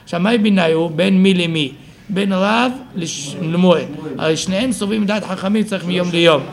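A man's voice: high voice, crowd noise. A man teaching a Talmud study class, explaining the text aloud and thinking it through with self-corrections.

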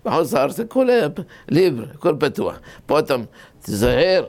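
A man's voice: fairly high pitch, sing-song, a little mellow. Man teaching a Torah lesson. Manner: explains step by step, asks and answers his own questions; tells anecdotes, voice jumps up when stressing points. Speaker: rabbi teaching a class.

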